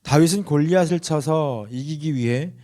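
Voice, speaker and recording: A male pastor giving a Sunday sermon, speaking earnestly, telling stories and asking the congregation questions. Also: moderate pace. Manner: lively rising and falling pitch.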